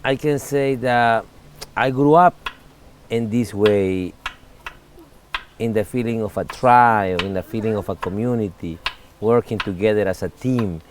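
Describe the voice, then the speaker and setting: A man's voice: lowish voice, background noise. Candid Salvadoran man in his forties. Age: 40s. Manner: earnest, candid, halting non-native English. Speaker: interviewee. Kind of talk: casual interview talk.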